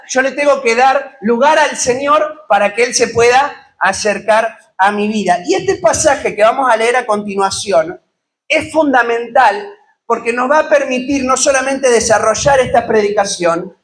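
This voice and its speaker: A male pastor with a Rioplatense Spanish accent, preaching a lively sermon and asking the congregation rhetorical questions. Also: extremely high pitch. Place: church.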